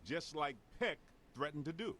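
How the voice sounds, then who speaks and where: A man voicing a practical ghost hunter in a video game, shouting combat callouts and making dry remarks. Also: fairly high pitch, lively intonation, normal speed, slight background noise. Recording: game audio with loud music score.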